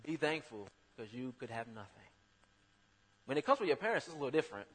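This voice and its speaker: A man preaching a sermon in a conversational way, breaking into loud, emphatic bursts. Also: medium pitch, very animated, quick pace, breathy edge. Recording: long hall reverb.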